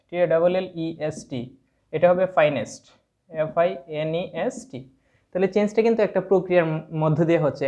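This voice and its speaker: A man's voice: sits high, a little mellow. A man with a Sylheti Bengali accent teaching an English grammar lesson, explaining step by step and spelling words out letter by letter. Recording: dull lo-fi sound.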